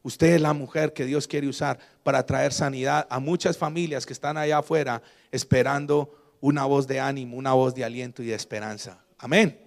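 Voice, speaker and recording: A Colombian man preaching a sermon as a guest pastor, emphatic and swinging between loud and quiet, throwing call-and-response questions to the congregation. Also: medium pitch, steady tone, normal speed, creaky, big-room sound.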